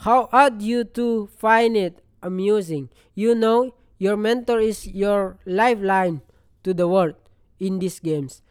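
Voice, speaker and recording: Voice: mid-range voice, smooth, dry recording, clean studio sound, natural voice. A reader doing a fussy prim chaperone. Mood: scolding. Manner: slow, careful reading aloud.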